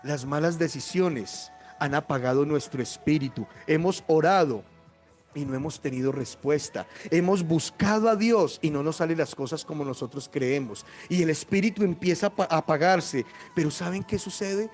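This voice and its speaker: A male pastor preaching an impassioned sermon, acting out biblical voices and dropping to hushed tones. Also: on the high side, moderate pace, soft background music.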